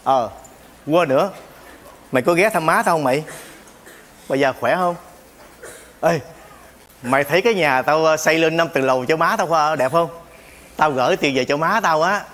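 A man playing a teasing, easily exasperated man in a stage comedy sketch. He speaks in a high voice for a man, firing off exclamations and banter. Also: moderate pace, pauses often, a bit bright, natural voice.

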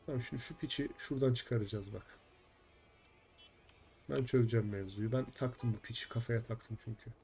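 Young male streamer, mid-range dark voice, casual and easily irritated, cursing at glitches. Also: medium pitch, steady tone, moderate pace, long pauses, faint music behind. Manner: frustrated, swears often, chats with viewers. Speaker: gaming streamer. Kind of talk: live game stream chat.

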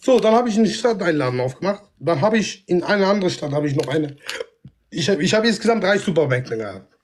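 Man, high voice, halting slangy storytelling, noisy phone livestream. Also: sing-song. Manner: halting, repetitive non-native phrasing with street slang. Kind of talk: casual livestream chat, storytelling. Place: indoors in a room at home. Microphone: phone at arm's length.

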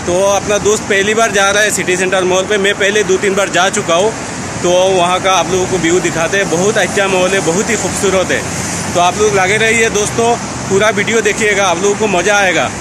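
A man in his thirties vlogs while walking a city street at night, phone held at arm's length, his high voice steady and fairly quick. Chatty and repetitive, he treats viewers as friends and keeps saying "thik hai na." Loud traffic and street noise fill the background.

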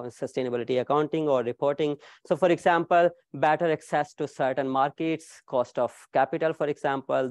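Man, thirties, academic keynote lecture, animated, frequent fillers, mid pitch, dry sound. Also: no echo. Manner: animated, gestures while pacing, frequent "uh, you know" fillers. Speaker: keynote speaker. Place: small seminar room with projector screen. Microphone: far room camera.

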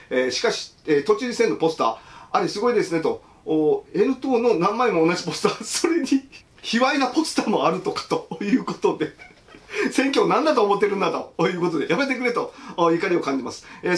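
A male host with a bouncy, high-pitched voice that rises and falls a lot. He reads viewer messages out in a loose, chatty way and reacts to each one in turn. His laughter keeps breaking into the talk. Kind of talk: casual livestream commentary reading viewer comments.

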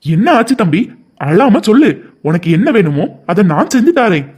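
A woman's voice: medium pitch, sing-song, moderate pace, very noisy, voice pushed down, lightly acted. A woman with a Kanyakumari Tamil accent voicing a kindly, mysterious man of the forest in a cartoon story, soothing and reassuring.

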